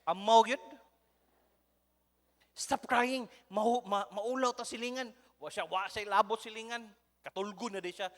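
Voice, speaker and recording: A man with a Cebuano accent preaching a sermon in a church, telling stories in an animated way and mixing in English. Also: high voice, a little fast. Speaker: pastor. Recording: long church hall reverb.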